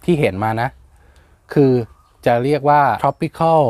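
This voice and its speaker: A man's voice: on the high side, slow pace, a little mellow, smooth, no room sound, clean studio sound. A man hosting a plant channel, explaining names in a casual, hesitant way with many fillers and spelling words out letter by letter.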